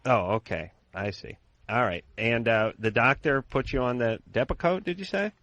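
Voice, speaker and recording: A man's voice: mid-range voice, moderate pace, a bit bright, no echo. A man co-hosting a call-in radio show, joking sarcastically with callers.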